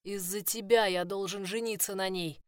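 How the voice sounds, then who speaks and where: A woman's voice: mid-range voice, moderate pace, dry recording, studio quality, close to an everyday voice. A woman voicing a desperate young man in love, pleading, in a first-person audiobook.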